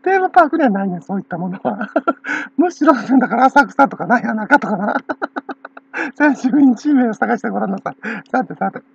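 A woman's voice: fairly high pitch, lively intonation, normal speed, vocal fry, slightly rough. A woman with a Kansai accent talking in a rambling casual monologue, laughing often between phrases, on a dull lo-fi recording. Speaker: channel owner.

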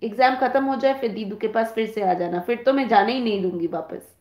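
A woman's voice: fairly high pitch, brisk, a little mellow, roomy sound. A woman from India hosting a casual live stream, reading viewer comments aloud and teasing them affectionately like a big sister.

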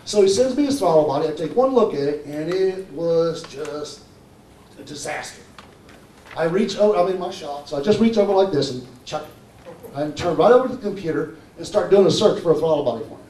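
A man giving an animated conference talk who keeps checking in with "okay?" and "right?" as he presents his engine modification. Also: a little high, a little fast, a little hiss or hum. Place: conference hall. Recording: echoey hall, mic far off.

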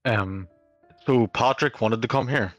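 A man's voice: measured pace, no room sound, dull audio, faint music behind. A man playing a tabletop game whose voice runs through a voice changer, joking in casual asides. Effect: voice changer pitching the voice down. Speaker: player.

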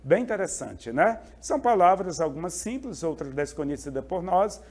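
A man's voice: high voice, very animated, normal speed, darkish tone. A male Spanish teacher explaining a lesson to students, often checking in with short questions. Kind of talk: classroom lesson.

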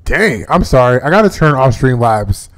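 A man's voice: medium pitch, big pitch swings, moderate pace, fairly bright tone. A man hosting a live gameplay stream, chatting casually and rambling to his viewers while he plays. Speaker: streamer host.

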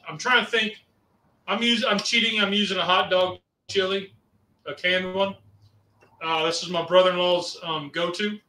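A man's voice: sits high, fairly even intonation, moderate pace, sharp tone, echoey room. A man on a landline phone, co-hosting a live cooking stream in easygoing, rambling chat. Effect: over a landline phone.

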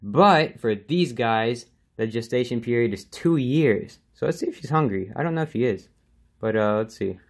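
A young man casually narrating as he feeds his exotic pets, relaxed and chatty with lots of fillers. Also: medium pitch, normal speed. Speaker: pet keeper and channel host.

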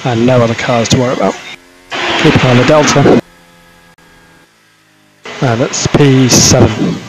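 A male race engineer speaks in short, procedural bursts as a spotter over team radio. His voice sits at a medium pitch. The transmission is noisy, with clicks and vehicle sound. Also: fairly even intonation, measured pace. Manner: terse, clipped, procedural callouts. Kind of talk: race spotter radio, calling traffic to driver.

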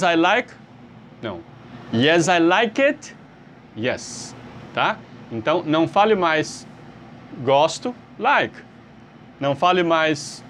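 Male Brazilian English teacher, animated pitch, quizzing tone, online lesson delivery. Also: a little hiss or hum. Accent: Brazilian Portuguese. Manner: lively, asks rhetorical questions, frequent "tá?" check-ins.

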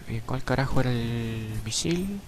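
A man's voice: mid-range voice, lively intonation, a little slow, background noise. A man commenting on a horror game at night, jumpy and swearing, yelping at scares. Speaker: let's play commentator. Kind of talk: gameplay commentary. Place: room at night.

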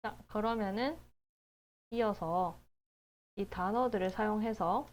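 A woman teaching basic English phonics, explaining calmly and drawing out each word slowly. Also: medium pitch. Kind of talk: slow, explanatory phonics lesson.

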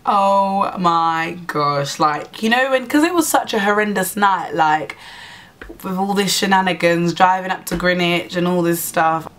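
A woman's voice: fairly low pitch, normal speed. Chatty woman telling a story. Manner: chatty, animated retelling with filler "like" and "blah blah". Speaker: vlogger. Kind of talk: casual storytime.

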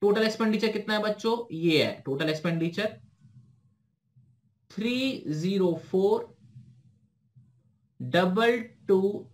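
A young Indian man teaching an exam-prep lesson, explaining briskly, asking himself questions and answering them, and reading the English question text slowly. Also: high-pitched, lively intonation, slight background noise.

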